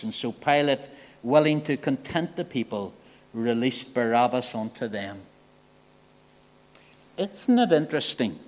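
A man preaching an evangelistic sermon in a church meeting. He is earnest, moving between soft, low asides and loud, emphatic appeals. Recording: long church hall reverb.

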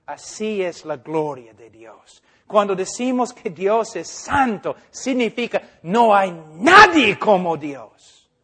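Male preacher, high voice, unhurried delivery, drops to near-whispers and builds to shouts. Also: big pitch swings, breathy edge. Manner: swings from hushed to loud and emphatic. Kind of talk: sermon.

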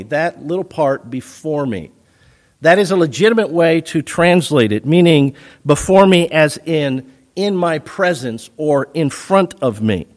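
A man with a fairly high voice preaching a sermon. He teaches in a steady, measured way and drags out the words he wants to stress. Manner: measured teaching tone, slowing for emphasis. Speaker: pastor.

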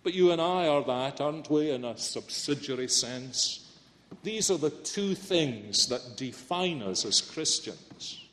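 A man's voice: medium pitch, animated, unhurried, a bit bright, a little hiss or hum. A man preaching a sermon earnestly and emphatically, often asking rhetorical questions. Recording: long reverb in a hall.

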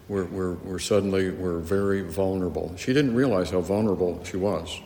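A man's voice: sits low, a little mellow. A male pastor giving an earnest, emphatic expository Bible teaching, often repeating words as he restarts. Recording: echoey hall with faint ambience.

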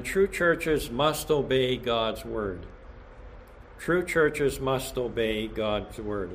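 A middle-aged male pastor gives a Bible study sermon in church. His voice sits at an ordinary middle pitch, and his teaching is earnest and plainspoken. A faint hiss stays under his words.

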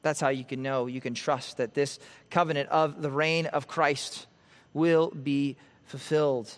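A male pastor delivers an expository sermon in a church sanctuary. His voice sits a bit high and climbs on emphasized words before falling quiet at the close of phrases. The sound carries a long, hall-like reverb. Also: a little slow. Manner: animated preaching, rising emphasis and dropping to quiet at phrase ends.

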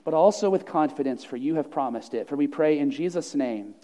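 Expressive and a little fast, a pastor gives a sermon and closing prayer with earnest emphasis, returning to repeated phrases to press every point. His fairly high voice sounds mellow and soft at the edges, and long reverb from a large church hall lingers after each line.

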